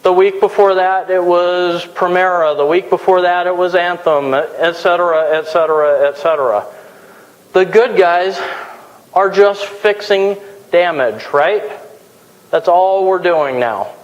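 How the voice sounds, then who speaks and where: A man's voice: sits high, measured pace. A man giving a conference talk in a casual, joking manner. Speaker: conference speaker. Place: conference hall. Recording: long hall reverb.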